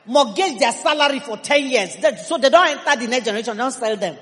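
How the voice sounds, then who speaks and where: A Nigerian woman in her fifties preaches a sermon in a high, expressive voice, talking fast with emphasis and humor. Her Nigerian accent comes through, and the big hall gives the recording a long reverb.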